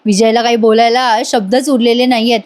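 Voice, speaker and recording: A woman's voice: fairly high pitch, flat delivery, brisk, a little mellow. A woman narrating a casual serial review in a chatty way, talking directly to viewers. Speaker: voice-over reviewer.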